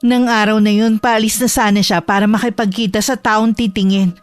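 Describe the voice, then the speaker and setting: A woman's voice: mid-range voice, steady tone, moderate pace, dry recording, soft background music, lightly acted. A woman narrating in the first person as a grieving young working woman, in a reflective, worried tone.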